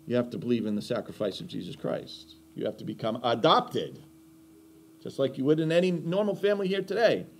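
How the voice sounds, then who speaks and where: A man's voice: mid-range voice, brisk, slight background noise. A man teaching a Bible lesson in a conversational sermon style, emphatic, asking rhetorical questions and repeating key phrases.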